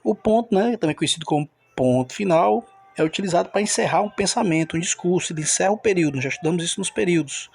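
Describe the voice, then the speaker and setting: A man with a high voice teaches a grammar lesson on a close mic, recorded dry with no room echo. He breaks every rule into small steps and keeps checking in with the listener. His voice has a gravelly edge. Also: lively intonation, fast talker, few pauses. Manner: explains step by step, often checks in with the listener.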